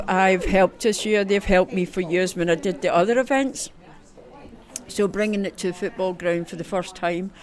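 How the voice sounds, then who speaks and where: A woman with a broad Scottish accent, chatting enthusiastically as an event organiser in a casual interview, often repeating words. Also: lowish voice. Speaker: festival organiser being interviewed. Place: busy festival venue at a football ground.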